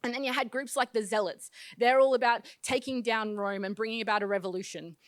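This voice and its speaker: A woman's voice: on the high side, fairly even intonation, brisk, no room sound. Casual, chatty woman pastor preaching. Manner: conversational, self-deprecating, with restarts. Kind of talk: sermon.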